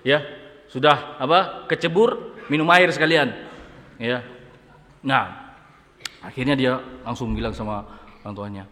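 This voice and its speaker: A man's voice: mid-range voice, a bit bright. A male preacher giving a lecture, telling a story playfully and often adding pious phrases. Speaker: Islamic preacher. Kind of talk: humorous religious lecture storytelling. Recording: echoey hall, faint background noise.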